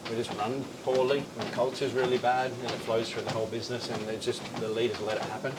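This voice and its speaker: A man's voice: medium pitch, little pitch movement, fast. A man in a casual interview chat, talking while exercising on a treadmill as a company founder. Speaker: gym company founder and CEO. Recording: loud ambient noise behind voice.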